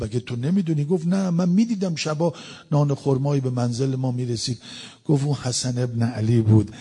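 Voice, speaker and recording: A man's voice: medium pitch, mellow, breathy edge. A man preaching a mourning sermon, telling a story with feeling and acting out the people he quotes. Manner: dramatic storytelling, acts out quoted speakers.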